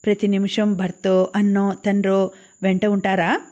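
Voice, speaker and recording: A woman's voice: medium pitch, monotone, normal speed, a little mellow, lo-fi sound, close to an everyday voice. Woman reading as Renu, spirited young student. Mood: earnest.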